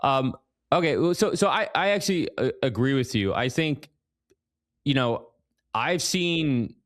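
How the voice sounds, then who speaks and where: A man's voice: medium pitch, lively intonation, measured pace, a bit bright. A man hosting an interview over a video call, asking long questions with many restarts. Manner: hesitant, restarts, laughs easily. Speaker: interviewer, podcast host.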